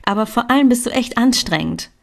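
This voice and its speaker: A woman voicing a pushy, energetic young female friend who lectures and urges in a storybook reading. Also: a little high, a little fast, vocal fry, pitched above the performer's own voice.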